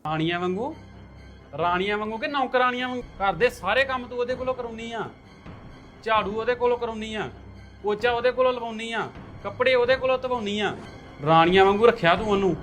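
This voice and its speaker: A man's voice: high voice, brisk, fairly bright tone, faint music behind. A man playing an angry young husband who accuses his wife in a family drama, repeating her words back in outrage.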